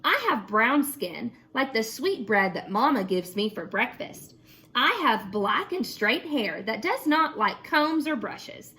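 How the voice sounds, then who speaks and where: A woman teacher reads a picture book aloud to children, then asks the class questions about it. Her voice is a little high and slow, and her delivery is expressive.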